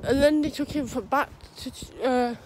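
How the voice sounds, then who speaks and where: A young woman with a cold, sore throat and runny nose gives a halting, rambling vlog update, full of fillers and restarts, as she walks dogs along a street. Her voice sits high with a darkish tone at normal speed, sounding thick and clogged. The phone held low at arm's length gives poor audio, with traffic noise outdoors.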